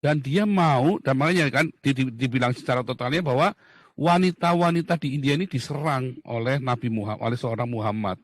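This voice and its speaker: A man from Indonesia talking in a heated, casual monologue, blunt and mocking, swinging from loud outbursts to low muttering. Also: fairly quick, no room sound, clean studio sound. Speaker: talk show speaker.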